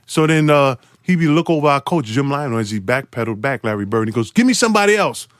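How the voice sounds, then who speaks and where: A man in his forties, a podcast guest, telling an animated story. He laughs often and jumps into high, excited voices. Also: fast, clear, resonant tone, no echo, studio quality.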